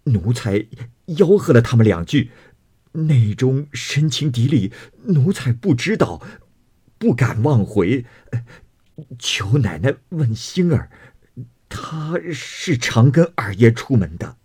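A man voicing a frightened, grovelling male servant who stammers and pleads, slow and hesitant. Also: mid-range voice, sing-song, mellow, breathy edge, voice pushed up, heavily acted.

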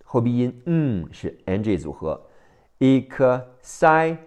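A man with a Mandarin Chinese accent teaching English vocabulary by phonics, spelling each word letter by letter and repeating it slowly. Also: medium pitch, very animated, a little mellow.

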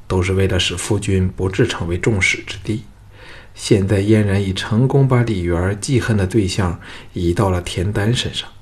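Audiobook role: coquettish young woman, playful and teasing, read by a man in a low, husky voice. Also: darkish tone.

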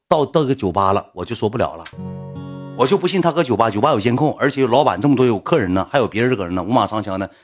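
A man telling a story casually, in animated slang that swings into loud retorts. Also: medium pitch, racing, soft background music.

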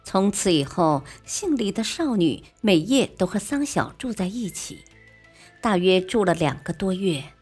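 A woman tells a classic tale with a husky, breathy quality and lively movement in her pitch. Her delivery is expressive and even-paced. Soft music sits faintly underneath. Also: measured pace. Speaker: storyteller.

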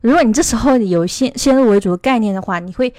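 A woman's voice: a little high, quick pace, a little mellow, no room sound, studio quality. A woman from China teaching English in a casual online lesson, rambling and explaining at length.

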